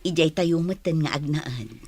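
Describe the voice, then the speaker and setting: Low and darkish in tone, this woman's unhurried voice carries a radio-drama role as a domineering mother of many kids, commanding and scolding with a matter-of-fact air. The recording has no room sound.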